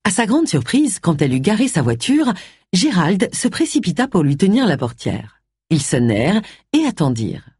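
A woman reading a novel aloud with expressive, scripted narration. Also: lowish voice, normal speed, breathy edge, dry recording, studio quality. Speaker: audiobook narrator.

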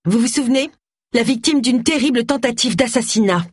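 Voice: high voice, lively intonation, normal speed, no echo, studio quality, voice pushed up. A reader doing a vain, showy young man. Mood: pompous.

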